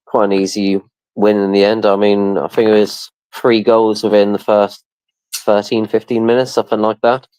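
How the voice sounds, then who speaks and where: An English man co-hosting a football fan show, giving a relaxed match report with fillers. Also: fairly low pitch, moderate pace, smooth, no room sound, rough recording. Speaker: co-host. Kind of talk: casual livestream chat.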